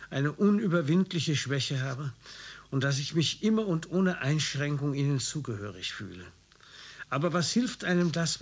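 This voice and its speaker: Husky guy reading a memoir audiobook, calm and thoughtful, middle pitch. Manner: measured, reflective. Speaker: narrator. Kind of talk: scripted audiobook narration of a memoir.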